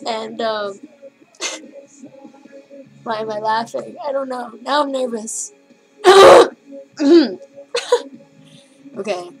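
A woman's voice: on the high side, slow pace, pauses often, rough recording. A teenage girl recording a casual video message to a crush, giggly and nervous, rambling and swearing a lot. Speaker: vlogger. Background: faint music playing.

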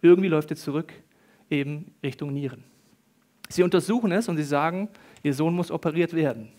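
A male pastor delivers a sermon in an animated storytelling style. His somewhat high voice jumps from loud, excited bursts to hushed, quiet lines as he acts out the people he quotes. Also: a little fast.

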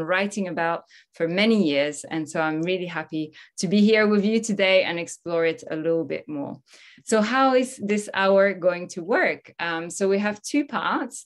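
A woman in her thirties hosting an online talk show from a home office. She sounds upbeat and welcoming, speaking into a laptop webcam on a video call. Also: mid-range voice. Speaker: host.

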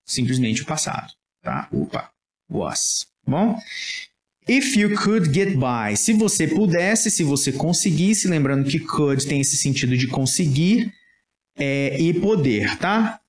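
A man's voice: fairly high pitch, expressive, measured pace. A man with a Brazilian Portuguese accent, teaching English in a casual lesson and patiently checking that listeners follow. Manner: explains patiently, checks understanding often with "tá?". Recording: roomy echo.

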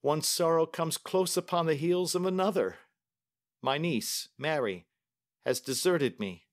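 A man doing a grief-stricken old banker who talks in high, strained, pleading bursts and breaks into frantic questions. It is an audiobook-style reading with a light, somewhat high voice. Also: measured pace, close to an everyday voice. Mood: grieving. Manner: pleading and overwrought. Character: distraught older male banker, grief-stricken, excitable.

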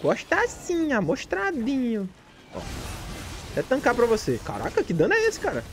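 A man from Brazil, a gaming streamer giving excited, jokey commentary as he plays, repeating his callouts and shouting at big plays. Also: extremely high pitch, normal speed, soft background music.

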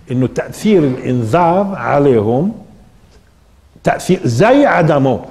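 A man's voice: on the high side, a little mellow. An older Levantine Arabic-speaking preacher delivers a spoken Quran interpretation lesson. He questions his listeners rhetorically and repeats key lines for emphasis. His slightly raised voice carries a long reverb, as in a large hall. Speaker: Islamic preacher and teacher.

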